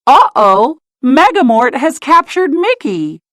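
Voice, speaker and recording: A plucky girl-mouse superheroine from a children's storybook, acted out by a woman. She is spirited and emphatic, her pitch leaping about in short, lively phrases. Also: slow pace, dry recording, clean studio sound, heavily acted. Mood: excited.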